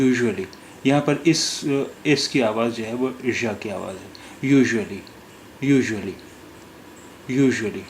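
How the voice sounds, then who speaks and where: A man gives a recorded language lesson at a middle pitch, sounding out each word slowly and repeating it several times. He pauses and hesitates often as he explains. A faint hiss of noise sits under his voice. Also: darkish tone. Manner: slow, careful pronunciation drills with many hesitations. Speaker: language teacher.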